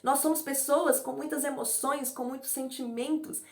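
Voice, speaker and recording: A middle-aged woman teaching an informal online class on speaking to camera. She demonstrates breathing and acts out quoted messages in a chatty, lively way. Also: high voice, moderate pace, reverberant. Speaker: speaking coach. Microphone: camera in front of her.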